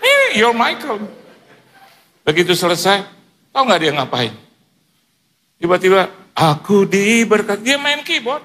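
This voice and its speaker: Animated joking Indonesian pastor. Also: male voice, high voice, measured pace, long pauses. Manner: animated, joking, mimics others in quoted asides. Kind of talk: sermon with humorous storytelling. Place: church.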